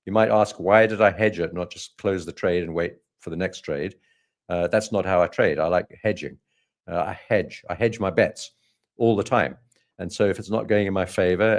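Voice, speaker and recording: Late-fifties male host, very low voice, dry humor, methodical chart commentary. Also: a little mellow. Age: 50s. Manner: dry joking, walks through charts step by step. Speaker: trading analyst host. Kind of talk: live market commentary.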